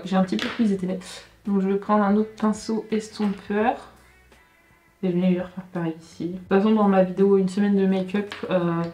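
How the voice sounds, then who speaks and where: A young woman chatting casually through a makeup tutorial, thinking aloud with many hesitations and self-corrections, often dropping into quiet asides. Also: mid-range voice. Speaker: beauty vlogger. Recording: roomy echo with faint background music.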